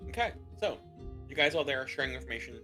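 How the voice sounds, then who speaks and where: A man's voice: medium pitch, expressive, fast talker, music in the background. A man acting as game master on a streamed tabletop game, talking casually with lots of fillers. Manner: casual, filler-heavy, thinking aloud.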